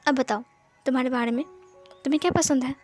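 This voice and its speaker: A woman voicing a confident, possessive young man who teases and gives calm commands in a read-aloud romance story. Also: sits high, fast, faint music behind. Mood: coaxing.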